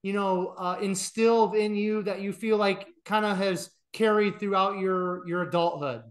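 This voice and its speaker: A man's voice: high-pitched, steady tone, normal speed. A man hosting a casual interview, asking loose, conversational questions with fillers. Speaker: podcast host.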